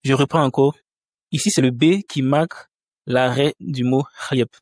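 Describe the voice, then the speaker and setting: A language teacher with a mid-pitched, somewhat dark voice gives a spoken lesson on pronunciation, patient and unhurried. He slowly repeats each example word more than once and frequently pauses to hunt for a word, and the sound is close and dry with no echo or room around it.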